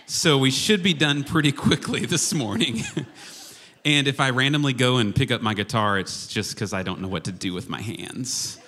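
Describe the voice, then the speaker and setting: A man's voice: mid-range voice, moderate pace, pushed and bright, slight background noise. A man from Oklahoma giving a casual, humorous sermon as a pastor, chatty and self-deprecating in an informal way. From Oklahoma, United States. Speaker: worship and media arts pastor, guest preacher.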